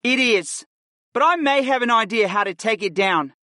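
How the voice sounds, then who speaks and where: Lifted, lively man playing a young woman summoner, scheming and keen, dry booth sound. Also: very high voice, normal speed, no echo, pitched above the performer's own voice, exaggerated voice. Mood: eager. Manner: eager and scheming. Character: clever young female summoner mage. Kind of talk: audiobook character voice.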